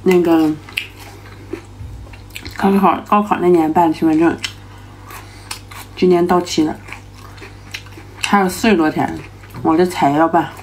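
Woman talking while chewing, low voice. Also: steady tone, unhurried, pauses often, a little hiss or hum. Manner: chatty, matter-of-fact explaining. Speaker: mukbang vlogger selling snacks. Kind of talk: casual chat to camera while eating.

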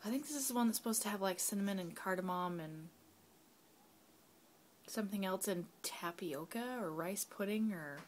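In a casual product review vlog recorded at home with her kids around, a young mother chats about a candle at a moderate pace. Her mid-range voice wanders with fillers and occasional whispers, over a little background noise.

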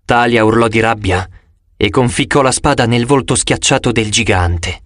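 A man's voice: medium pitch, moderate pace, no echo. Male audiobook reader, dramatic delivery, dry close sound. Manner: dramatic, expressive reading with sudden loud cries. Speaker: audiobook narrator. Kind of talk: scripted audiobook narration.

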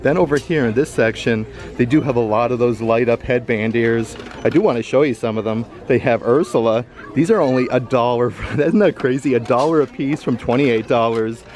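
A man's voice: mid-range voice, a little fast, hardly any pauses. A man vlogging a casual walkthrough of a large store, upbeat and reading out prices as he browses. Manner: upbeat, reads out prices, excited about bargains. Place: large indoor retail store. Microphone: handheld camera, filming himself from behind it.

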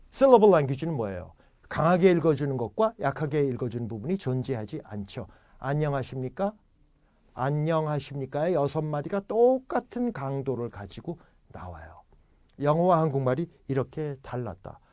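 A man's voice: on the high side, no echo, studio quality. A man giving an English lecture, acting out little example dialogues as he explains. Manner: animated, acts out example dialogues. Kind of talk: classroom lecture.

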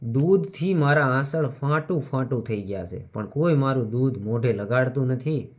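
A man's voice: medium pitch, lively intonation, moderate pace, lightly acted. A man voicing a grieving female cow who pleads for help in a spoken devotional story, recorded lo-fi. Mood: pleading. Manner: lamenting, pleading. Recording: dull lo-fi recording.

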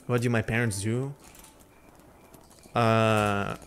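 Faint music sits behind a young man with a lowish, fairly bright voice who speaks slowly with little pitch movement. His first language is Lithuanian, and he's livestreaming a game from home on a headset, rambling casually in slang and responding to chat between moves.

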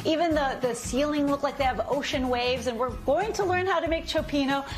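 High-voiced bubbly woman in her 30s hosting a tv food segment, music behind. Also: fairly quick. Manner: bubbly, enthusiastic. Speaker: TV host. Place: inside a restaurant dining room.

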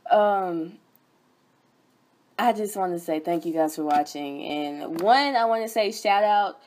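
A woman's voice: mid-range voice, unhurried, darkish tone. A young woman hosting a sermon broadcast, preaching fervently with repeated chanted refrains. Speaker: host and preacher.

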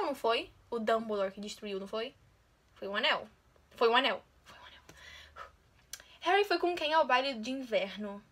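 During a quiz on her channel, a YouTuber chats casually and teases herself in a bright voice that sits on the high side. Her manner is chatty and competitive, with plenty of self-mockery.

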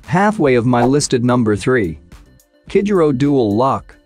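A man's voice: medium pitch, big pitch swings, unhurried, a little mellow, faint music behind. Man reading a product countdown. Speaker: product review narrator. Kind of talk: scripted voice-over narration.

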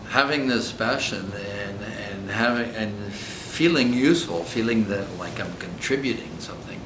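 A man's voice: on the low side, unhurried, echoey room, noisy background. A man in his sixties with a French accent, a coach thoughtfully answering interview questions in earnest. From Egypt. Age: 60s. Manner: earnest, thoughtful, searching for words. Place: indoor hotel room.

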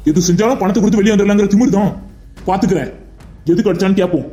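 A man's voice: sits high, steady tone, very fast, mellow, muffled recording, lightly acted. A man voicing a stern police officer who asks curt questions in a cartoon drama. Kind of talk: Tamil cartoon voice acting.

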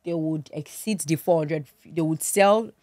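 A woman's voice: low-pitched, measured pace, mellow, dry recording. A young Nigerian woman presenting business news in a studio chat, talking through figures with fillers and easy laughs. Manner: chatty, laughs easily, many fillers. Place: TV studio with seated guests. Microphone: studio mic on boom arm.

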